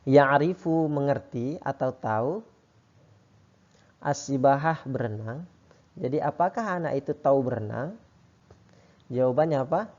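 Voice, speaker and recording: Man teaching slowly, dull lo-fi sound. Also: mid-range voice, lively intonation, darkish tone. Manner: slow, drawn-out reading of phrases, then quick explaining. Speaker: Arabic teacher. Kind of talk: classroom lesson explanation.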